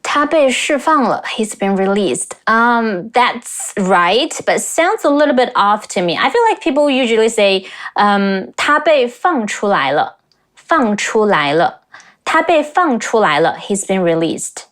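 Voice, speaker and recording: A young woman from China hosting a reaction video, explaining and slowly demonstrating pronunciation and tones. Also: on the high side, very animated, fairly bright tone. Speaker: host and language teacher.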